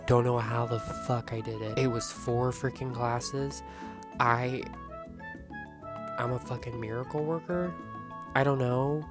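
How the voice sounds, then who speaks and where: A young woman vlogging casually, hoarse and coughing, rambling excitedly and swearing freely. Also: a bass voice, a little slow, pauses often. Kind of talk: casual vlog talk. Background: background music.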